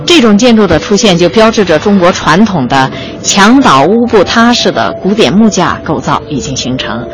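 A museum guide gives an unscripted tour on location at an exhibition site, explaining things step by step as she points them out. Her voice is on the low side and sing-song, at a moderate pace with few pauses, heard over music and clearly noisy on-site ambience.

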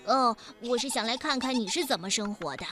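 A woman's voice: fairly high pitch, expressive, fairly quick, bright, forceful tone, soft background music. A woman playing a proud, chatty city mouse. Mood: fussy. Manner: chatty and a little boastful.

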